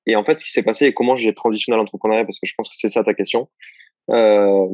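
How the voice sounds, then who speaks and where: A man from the south of France, a guest in a casual interview, telling his story in a relaxed, rambling way with many restarts. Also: lowish voice, fast talker, dry recording, highs cut off.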